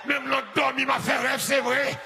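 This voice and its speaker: A Haitian-accented male pastor shouts his sermon in a high, gravelly voice. He chants and half-sings repeated lines in call-and-response fashion. Loud live music and a congregation fill the church recording around him. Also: little pitch movement, normal speed, a crowd in the background. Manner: chanting, half-singing refrains. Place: church service.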